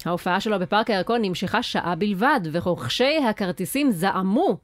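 Israeli female co-host, mid-pitched, ironic casual chat, close dry sound. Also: animated, no room sound. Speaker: podcast co-host. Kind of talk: casual comedic chat, reading out culture news.

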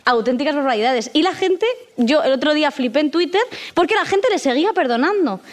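A young woman co-hosting a casual chat podcast, animated and sarcastic, laughing often. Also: high-pitched, brisk. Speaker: podcast co-host.

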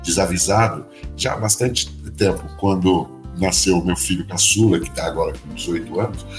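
A man's voice: deep voice, normal speed, echoey room, faint music behind. An older Brazilian actor telling personal stories as a podcast guest, acting out the people he quotes. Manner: warm storytelling, acts out quoted voices. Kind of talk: casual interview chat.

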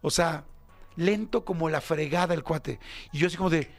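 Mexican male podcast host, slangy storyteller, slightly high gravelly voice, faint music bed. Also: normal speed. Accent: Mexican Spanish. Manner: animated, slangy, acts out other voices with big pitch jumps. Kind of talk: casual storytelling.

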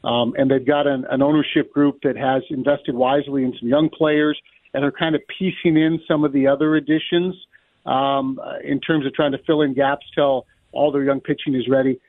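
This middle-aged play-by-play announcer, a radio show guest, has a medium-pitched, flat delivery at normal speed. His unscripted sports analysis is conversational and dryly humorous, and the phone line is thin, narrow-band, and roomy.

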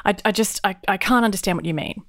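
A woman's voice: medium pitch, quick pace, a bit bright, no echo, clean studio sound, close to an everyday voice. A woman doing a baffled young woman. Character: confused young woman in a class.

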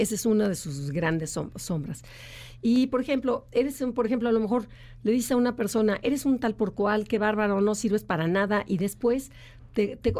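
A woman's voice: a little high, dark tone. A woman explaining personality types on a radio talk show, acting out quoted voices with frequent restarts. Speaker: enneagram expert guest.

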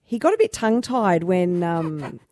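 A woman's voice: fairly low pitch, very animated, moderate pace, warm tone, no echo, clean studio sound. A woman hosting a casual entertainment interview, chatting as she introduces topics and asks questions. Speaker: show host interviewer.

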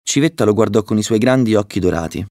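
Deep-voiced man reading a children's story. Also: fast, a little mellow, no room sound, clean studio sound. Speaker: narrator.

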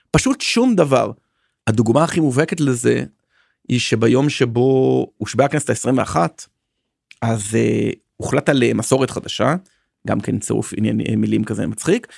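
A man speaking as a guest political commentator in a casual interview, animated and swinging between high emphatic bursts and low asides. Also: gravelly, no room sound, studio quality.

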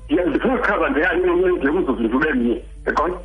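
Speaking in rapid-fire bursts with a fairly high voice, a man in his sixties from South Africa's Eastern Cape tells his story as an interview guest and cancer survivor. His Xhosa accent comes through as he talks conversationally, often checking that his listener follows. The audio sounds dull.

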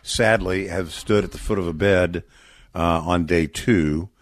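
A man's voice: low-pitched, a little slow, no echo, clean studio sound. A middle-aged man from Texas, a charity guest on a radio interview, telling stories in an earnest, reflective way.

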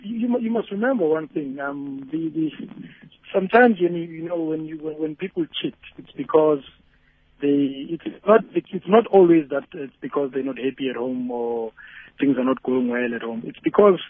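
Guy phoning in, husky, keeps repeating words, thin phone sound. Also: fairly high pitch, no room sound. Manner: halting, repeats words while reasoning. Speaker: radio phone-in caller. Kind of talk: casual reflective opinion. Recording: tinny narrow phone line.

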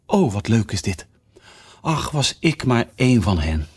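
A man's voice: medium pitch, very animated, measured pace, a little mellow, slightly rough. A man voicing a curious, polite young girl who talks eagerly and with a lot of wonder.

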